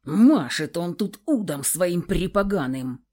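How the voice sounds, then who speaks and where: A woman's voice: fairly low pitch, animated, slow pace, a little mellow, slightly rough, full character voice. A woman voicing a small, shaggy male house spirit servant who scolds in old-fashioned words, drawn out and wailing, in a storybook reading. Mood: scolding.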